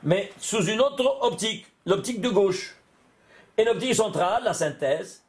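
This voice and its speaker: A man, a rabbi, giving an animated Torah lesson, often exclaiming and putting questions to his listeners. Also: sits high, normal speed.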